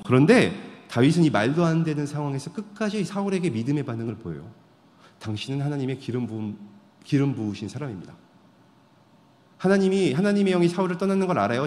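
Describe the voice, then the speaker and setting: A man preaching a sermon as pastor, firing rhetorical questions at the congregation and swinging between loud and quiet. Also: mid-range voice. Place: church sanctuary. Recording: long hall reverb.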